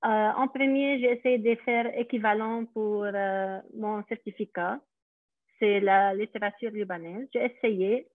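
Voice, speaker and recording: A woman's voice: medium pitch, fairly even intonation, unhurried, no echo. A middle-aged Lebanese woman with an Arabic-accented voice, giving a hesitant personal testimony on a webinar with many fillers. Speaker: daycare centre director. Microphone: video call. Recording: tinny phone-like video call audio.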